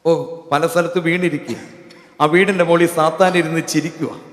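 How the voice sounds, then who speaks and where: A man's voice: fairly high pitch, fairly even intonation, normal speed. A man with a Malayali accent preaching at a church retreat. He asks the congregation questions, repeats the answers and leads them in singing a hymn. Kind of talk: sermon with call-and-response and hymn singing. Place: church hall. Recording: reverberant church hall.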